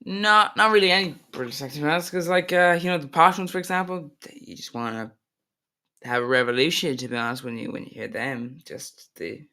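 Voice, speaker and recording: A man reacts to a video in casual commentary. He talks hesitantly and rambles as he goes. His voice is bright and sits slightly high. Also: a little fast.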